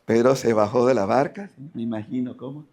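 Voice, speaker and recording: A man from Panama, a priest preaching a lively Sunday sermon in church, who often shouts and acts out the scripture dramatically. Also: mid-range voice, fairly quick.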